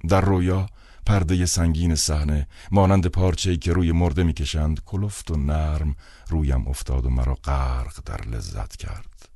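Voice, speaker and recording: A man narrating a literary novel in a measured, wry, deadpan reading. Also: extremely low pitch, no echo, studio quality. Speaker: audiobook narrator.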